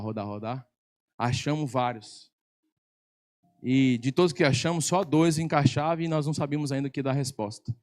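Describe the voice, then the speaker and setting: A man with a Brazilian Portuguese accent preaching a sermon at a church service, telling a story in an animated, teasing way that often gets loud. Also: medium pitch. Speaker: pastor.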